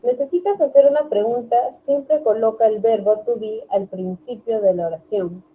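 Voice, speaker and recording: A woman teaching an online English class, patiently explaining and often checking understanding, reading English examples slowly. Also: on the high side, slight background noise. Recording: tinny phone-like online class audio.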